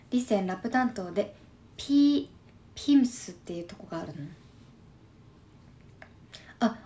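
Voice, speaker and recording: A husky, slightly hoarse young woman in her twenties with a Shimane dialect, chatting casually on a live stream. She reads viewer comments aloud and drops soft, quick thank-yous between remarks. Her pitch sits in an ordinary middle range for a woman. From Shimane, Japan. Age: 20s. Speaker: idol livestreamer.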